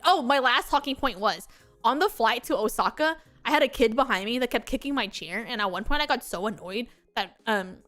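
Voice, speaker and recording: A young woman with a notably high voice, chatting on stream in a loose, rambling way and giggling often. Soft music plays faintly behind her. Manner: rambling and giggly, with frequent laughs and filler words. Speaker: VTuber streamer. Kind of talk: casual chat stream, storytelling.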